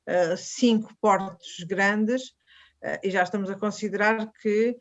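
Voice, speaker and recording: A woman's voice: medium pitch, steady tone, a little slow. A woman in her late fifties with a European Portuguese accent, speaking as a webinar panelist, emphatic and insistent, often restarting her sentences. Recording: muffled video-call audio.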